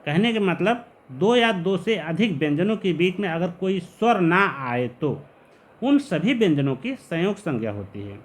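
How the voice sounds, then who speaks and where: In a very animated lesson on Sanskrit grammar, a man explains things patiently. His pitch sits somewhat high and moves around a lot, and he lengthens the key terms so learners can follow along.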